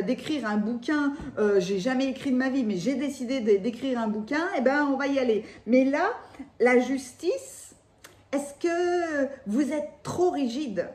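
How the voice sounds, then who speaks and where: A woman with a high, darkish voice and a lisp on her s sounds gives a chatty, off-the-cuff tarot reading. She is enthusiastic and exclamatory, recorded in an echoey room.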